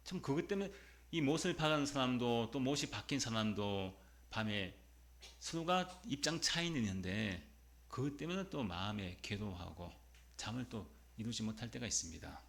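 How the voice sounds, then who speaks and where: A man's voice: medium pitch, animated, normal speed, vocal fry, fairly bright tone. A male pastor preaching a Sunday sermon, telling a story and asking the congregation rhetorical questions.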